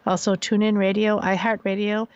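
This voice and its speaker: A woman's voice: mid-range voice, flat delivery, moderate pace, a little mellow, clean tone, no echo, lo-fi sound. A woman hosting a radio talk show, affirming her guest often and announcing the break.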